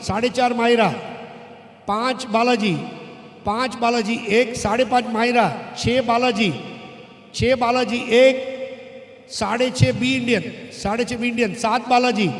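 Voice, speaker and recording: A man's voice: very high voice, fairly even intonation, measured pace. A man working as an auctioneer, calling out rising bids in a repetitive, clipped chant at a live auction. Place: large echoing room at a live event. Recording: echoey hall with long reverb.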